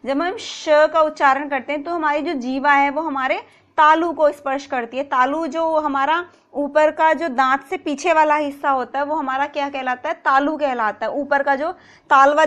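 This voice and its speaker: A woman's voice: high voice, fairly bright tone. A woman teaching a grammar lesson, patiently repeating example words and asking rhetorical questions. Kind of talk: explanatory video lesson.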